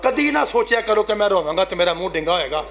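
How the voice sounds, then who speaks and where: A man, a zakir giving an emotional mourning recitation, rising to loud high cries and sinking to hushed near-whispers while urging the audience on. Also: expressive. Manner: addresses the audience directly, urging them to weep.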